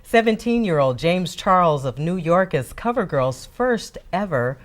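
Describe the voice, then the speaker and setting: A woman's voice: on the low side, expressive, unhurried. An American woman reporting scripted TV news as an anchor and correspondent.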